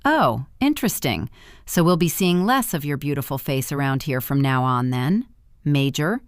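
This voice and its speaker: A woman voicing a friendly, teasing male coworker who chats and flatters, in a storybook reading. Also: low voice, moderate pace, no echo, clean studio sound.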